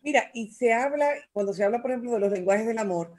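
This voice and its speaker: An animated woman who talks as a guest expert on a talk show. Her voice sits a bit high. She acts out quotes with lively energy. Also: quick pace. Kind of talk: radio talk show conversation.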